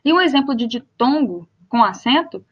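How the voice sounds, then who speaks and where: High-voiced Brazilian woman teaching grammar. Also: expressive, dull audio. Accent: Brazilian Portuguese. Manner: spells out and repeats example words slowly. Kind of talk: spoken grammar lesson.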